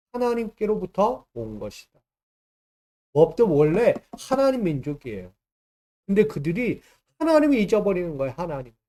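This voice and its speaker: A male pastor preaches with a soft, mellow tone. He drives his points home, posing questions to the congregation and answering them at once. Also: sits high. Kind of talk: sermon.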